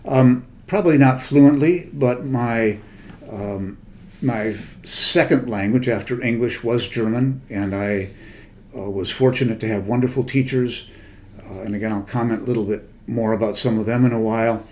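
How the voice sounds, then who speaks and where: An older man, a literary translator appearing as a guest speaker, gives a conversational lecture that is thoughtful and digressive, full of hesitations and self-corrections. His voice is warm and medium-pitched, at a moderate pace.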